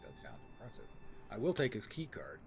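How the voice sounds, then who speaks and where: Male gamer, casual RPG play-through, mid-pitched voice, reads screen text aloud, mutters asides, noticeable background noise. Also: huge pitch swings, a little fast. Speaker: gamer playing and commenting on an RPG.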